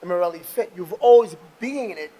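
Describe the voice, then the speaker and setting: A man's voice: high voice, fairly quick, mellow, poor audio. A man hosting a casual motivational interview, talking emphatically like a salesman while exercising on a treadmill. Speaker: interview show host.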